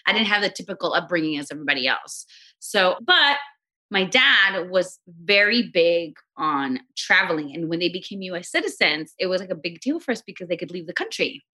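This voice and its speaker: A woman's voice: fairly low pitch, lively intonation, fairly quick, bright, forceful tone. A woman from Los Angeles, a radio co-host, chatting casually and emotionally as a podcast guest, full of "you know what I mean".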